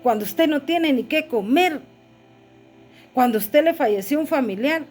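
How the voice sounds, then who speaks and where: A woman's voice: high-pitched, expressive, unhurried, darkish tone, faint music behind. A middle-aged woman pastor preaching a sermon, calling listeners "brother" and asking rhetorical questions.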